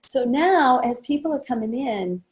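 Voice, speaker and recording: Chatty woman trainer, slightly high voice. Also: a little slow. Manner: acts out guest chats in a lively higher voice; casual, chatty, many fillers. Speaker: sales trainer. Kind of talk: training talk to a small group.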